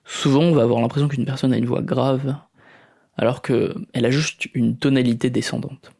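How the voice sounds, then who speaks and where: A French-accented podcast host talks casually about voice coaching, explaining tips and showing vocal techniques, with many fillers and restarts. His voice is mid-range, steady and mellow, creaky and husky, at a normal speed.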